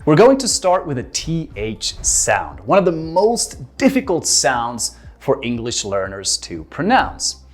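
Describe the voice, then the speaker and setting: Slow, exaggerated pronunciation teacher, very animated pitch. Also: soft background music. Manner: slow, exaggerated modeling of sounds with deliberate pauses and emphasis. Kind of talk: instructional lesson to camera for beginners.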